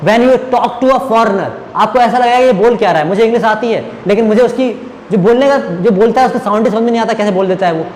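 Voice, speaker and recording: Man, high voice, Hindi native speaker, English lesson, step by step, long reverb, faint background hiss. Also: quick pace, darkish tone. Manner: explains step by step, checking understanding. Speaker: spoken English teacher. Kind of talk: classroom lecture.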